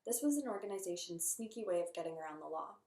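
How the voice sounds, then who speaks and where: A woman's voice: on the low side, fast. Young Canadian woman reading a presentation. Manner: steady, earnest reading from a script. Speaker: student presenter. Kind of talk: read group presentation. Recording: echoey room.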